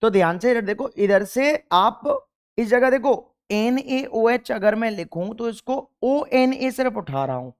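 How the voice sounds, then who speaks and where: A man's voice: very high voice, expressive, unhurried, clean tone. A young man teaching chemistry in an exam-focused lecture, emphatic, repeating key points and firing questions at the class.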